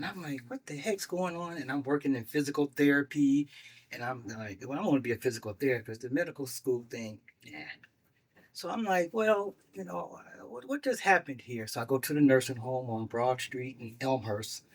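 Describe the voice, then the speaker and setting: A man in his sixties, a doctor and guest on a talk show, telling his life story in a lively way, acting out the voices of people he quotes. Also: medium pitch. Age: 60s. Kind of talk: casual storytelling.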